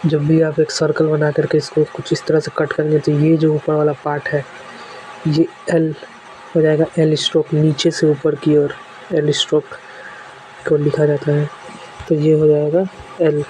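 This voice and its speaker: Male shorthand teacher, steady monotone, patient repetition, light background noise. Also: fairly high pitch, measured pace, rough recording. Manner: repeats examples patiently, step by step. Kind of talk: classroom lesson explaining strokes.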